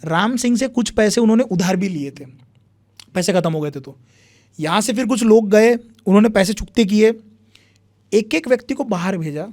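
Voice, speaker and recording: High-voiced man telling history. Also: normal speed. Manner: animated retelling with repeated phrases, acts out quotes. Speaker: history speaker, guest. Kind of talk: conversational storytelling.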